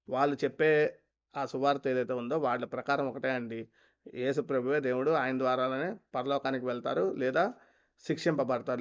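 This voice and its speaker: A man giving sarcastic, scornful commentary on a played clip. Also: medium pitch. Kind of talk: mocking commentary. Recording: lo-fi dull sound.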